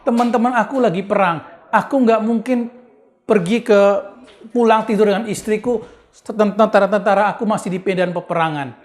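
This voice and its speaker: A man's voice: sits high, moderate pace, close to an everyday voice. A man voicing a loyal soldier who firmly refuses to go home while his comrades fight. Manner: firm refusal. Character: loyal young soldier, firm and dutiful.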